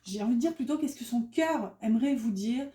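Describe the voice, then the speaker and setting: A woman's voice: on the high side, animated, fairly quick, warm tone, reverberant. A woman giving a casual tarot reading, chatty and full of fillers, often correcting herself. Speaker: tarot card reader.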